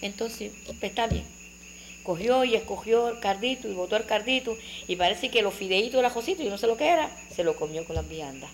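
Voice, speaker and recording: An older woman tells family stories from her childhood, animated and vivid, speaking at a middle pitch. Faint crickets and insects chirp behind her. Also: a little fast, a little hiss or hum. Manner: animated, vivid storyteller who acts out family dialogue. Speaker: interviewee. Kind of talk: storytelling childhood memories.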